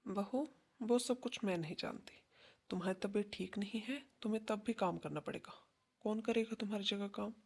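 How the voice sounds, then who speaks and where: Woman playing a gravelly, harsh mother-in-law. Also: mid-range voice, moderate pace, a little mellow. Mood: scolding. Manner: scolding, blunt. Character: harsh middle-aged mother-in-law, later remorseful. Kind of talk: home-made short drama.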